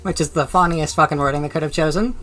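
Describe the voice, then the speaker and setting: A woman's voice: sits low, fast, fairly bright tone. A woman co-hosting a casual gameplay commentary, making dry remarks and correcting her co-host. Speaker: co-host of a let's play series.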